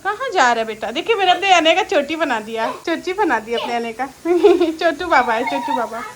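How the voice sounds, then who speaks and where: Woman, 30s, mother and family vlogger, casual and chatty to camera, higher voice, noisy recording. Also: lively intonation, moderate pace. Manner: chatty, addresses viewers as friends. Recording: loud background noise.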